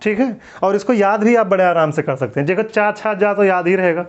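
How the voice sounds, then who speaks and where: A man teaching a Hindi grammar lesson, his voice a bit higher than most. He keeps asking a question and then answering it himself, drawing out the words as he repeats them. The recording sounds dull and lo-fi. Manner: drawn-out repetition of words. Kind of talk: classroom lecture.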